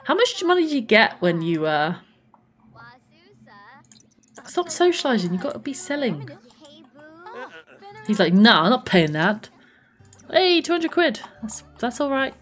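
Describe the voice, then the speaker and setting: Bubbly woman streamer, lively pitch. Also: a little slow, pauses often, faint music behind. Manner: bubbly, gushing thanks to viewers. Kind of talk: casual gameplay live stream chat.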